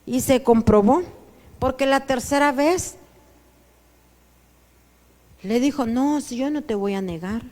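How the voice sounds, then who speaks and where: A woman pastor with a Honduran Spanish accent, preaching a sermon that swings between soft asides and loud declarations. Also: high-pitched, takes it slowly, pauses often. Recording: church hall with long reverb.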